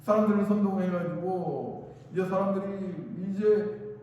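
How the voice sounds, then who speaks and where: A man preaching a sermon as pastor, in a lively way, acting out the chants of a crowd. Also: high voice, measured pace, dull audio, a little hiss or hum. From Korea. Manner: animated, acts out crowd chants. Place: church sanctuary. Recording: echoey church hall from far off.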